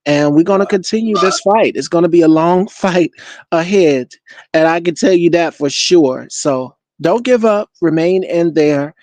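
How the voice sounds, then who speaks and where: Slightly high-voiced man, dry close sound. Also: a little slow, darkish tone, no echo. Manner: encouraging, earnest. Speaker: panel guest. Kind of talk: casual motivational political talk.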